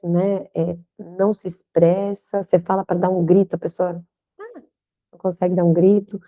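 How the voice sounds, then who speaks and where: Mellow-voiced woman teaching, full of questions. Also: medium pitch, rough recording. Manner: reflective, asks many questions, frequent "né?". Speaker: instructor. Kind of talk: recorded online lecture.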